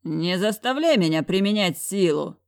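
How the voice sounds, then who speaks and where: A woman's voice: mid-range voice, lively intonation, moderate pace, natural voice. A brash, mocking man of great size and money, coarse and bossy in every word, voiced by a woman. He talks down with cocky humor, pushing his way through each scene of an audiobook. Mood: bossy teasing. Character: huge mocking billionaire boss, brash man. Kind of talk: audiobook character voicing.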